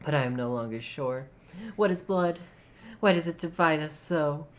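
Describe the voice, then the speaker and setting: A woman's voice: sits low, moderate pace, slight background noise, natural voice. A woman voicing an earnest, proud young male noble bird in a game, speaking with stiff, formal diction. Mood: brooding. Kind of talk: reading visual novel dialogue aloud. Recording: faint music behind.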